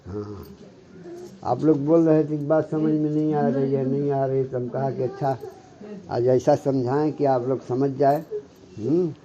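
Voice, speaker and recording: A man giving a devotional sermon as a Sufi spiritual guide, often stopping to check with his listeners and slowly reciting Arabic scripture. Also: medium pitch, fairly even intonation, a crowd in the background. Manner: keeps checking with listeners, "hmm?". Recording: muffled lo-fi recording.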